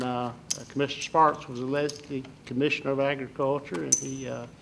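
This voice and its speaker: An older man from southern Alabama with a Southern Alabama accent, giving folksy, halting interview answers as a political candidate. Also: mid-range voice, creaky, a little hiss or hum, poor audio.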